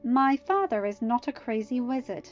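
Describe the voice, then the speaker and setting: A woman narrator voices a fiery young princess in an audiobook. Her voice is pitched fairly high, with an insistent, argumentative edge. She is proud and indignant. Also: lively intonation, moderate pace, dull audio, faint music behind, natural voice. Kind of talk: dramatised audiobook reading.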